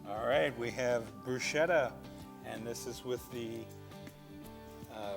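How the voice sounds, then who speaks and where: A chef explaining his dishes in a relaxed, plain way, his voice gravelly. Guitar music plays clearly in the background. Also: medium pitch, takes it slowly. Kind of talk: casual cooking-show presenting.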